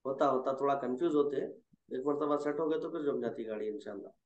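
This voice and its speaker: A man teaching Quran reading, patiently spelling out letters and gently correcting his student. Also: medium pitch. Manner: coaxing, corrects gently and repeats letters slowly. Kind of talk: patient tutoring over a call. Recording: roomy, dull lo-fi sound.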